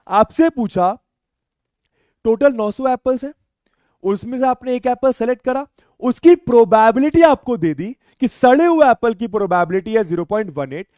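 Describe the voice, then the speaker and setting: A man's voice: sits high, a little mellow, no echo, clean studio sound. A man teaching maths in a live online class, joking and teasing his students and mixing in English phrases.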